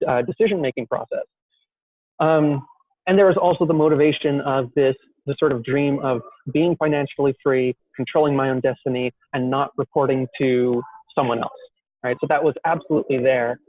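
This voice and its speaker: A young man tells his own story to an interviewer, circling back on himself with ums and restarts and poking fun at himself. His voice sits in an ordinary middle register. It comes through a thin, phone-like line with no room echo at all. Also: medium pitch. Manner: self-deprecating, rambling with many fillers and restarts. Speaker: guest entrepreneur. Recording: dry, tinny phone-like call audio.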